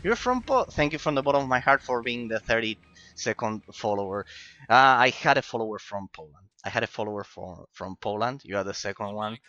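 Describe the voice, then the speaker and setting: With faint game music in the background, a native Spanish-speaking man from Argentina, with an Argentine accent, chats casually and very politely with his stream audience as a game streamer, often repeating words for emphasis. His medium-pitched voice is lively, a little fast, bright and forceful, though the audio sounds dull.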